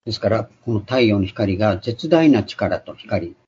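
Husky lo-fi pastor, lively. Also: male voice, on the low side, moderate pace. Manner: emphatic, raises voice sharply for quoted exclamations. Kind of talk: sermon. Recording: dull lo-fi recording.

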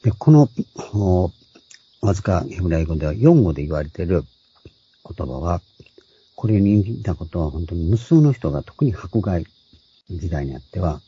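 An older man preaches slowly and explains scripture word by word, his low voice very dark and husky. It comes through a dull, lo-fi and dry recording. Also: lively intonation, no room sound. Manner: measured, explains word by word, voicing scripture quotes higher. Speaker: Bible teacher. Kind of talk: explanatory Bible sermon.

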